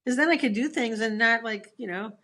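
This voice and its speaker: A woman in a casual chat, telling stories in an animated way and laughing at herself. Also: on the high side, brisk. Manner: animated storyteller, acts out quotes, laughs at herself.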